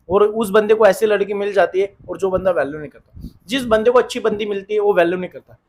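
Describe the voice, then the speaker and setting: A man's voice: high-pitched, darkish tone. A man giving relationship advice in a casual monologue, earnest and insistent, often repeating himself.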